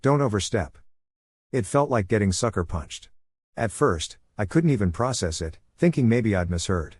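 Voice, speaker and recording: A man narrating a first-person story in a steady, even way with dry asides. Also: lowish voice, normal speed, slightly rough, no room sound.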